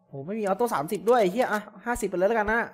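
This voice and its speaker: Excitable, swearing slot-game streamer man. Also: high-pitched, rapid-fire. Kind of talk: casual gameplay commentary.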